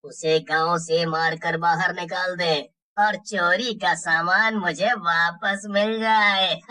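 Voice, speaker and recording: Cartoon villain: woman playing a lower, sly village man, gloating and laughing, slow drawl, bright edge, voiced off-mic. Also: fairly even intonation, far from the mic. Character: scheming wife-killing village man, gloating. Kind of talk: cartoon voice acting.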